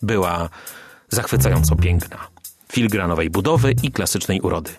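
A man narrating a first-person detective story for a radio audiobook in a wry, expressive way. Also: sits low, normal speed, over music.

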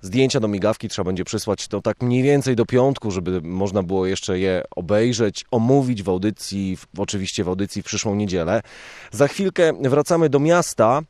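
Male radio host on location outdoors, friendly chat, low dry voice. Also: moderate pace, darkish tone, no echo. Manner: chatty, friendly, addresses listeners. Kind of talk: outdoor radio field report. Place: outdoors in a park in autumn rain.

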